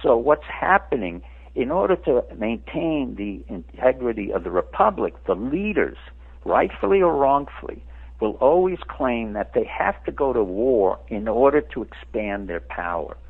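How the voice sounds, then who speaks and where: A man's voice: medium pitch, big pitch swings, moderate pace, vocal fry, slightly rough. A man in his seventies who grew up in France, a radio interview guest lecturing in an emphatic way. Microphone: phone. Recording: tinny phone line.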